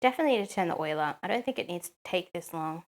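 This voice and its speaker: A woman's voice: on the low side, animated, very fast. A woman chatting casually on a live stream while she cooks at home, answering chat with lots of "um"s.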